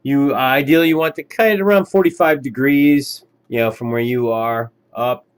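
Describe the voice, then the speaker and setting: A man kiteboarding instructor giving easygoing, encouraging commentary over lesson footage, pausing often with fillers. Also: mid-range voice, smooth.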